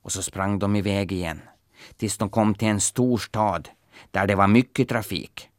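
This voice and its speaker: A man narrating a children's folktale in a gentle, playful storytelling manner. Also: fairly low pitch, no room sound, clean studio sound.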